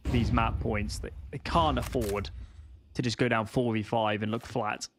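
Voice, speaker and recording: A man's voice: mid-range voice, steady tone, a little slow. A man co-commentating a live esports match with conversational, wry analysis. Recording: faint background noise and clicks.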